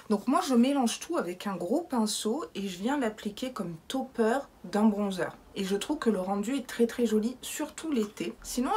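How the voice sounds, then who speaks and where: A beauty vlogger with a French accent reviews her makeup collection in a fairly high, slightly mellow, husky voice. She chats casually and playfully, poking fun at herself and inventing words.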